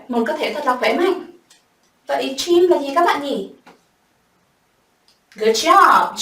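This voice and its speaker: A woman English teacher giving a bilingual classroom vocabulary lesson, saying words slowly and clearly for pupils to repeat. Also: sits high, a bit bright, recorded from a distance. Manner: slow drawn-out repetition of words for pupils to copy. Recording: echoey room, voice from afar.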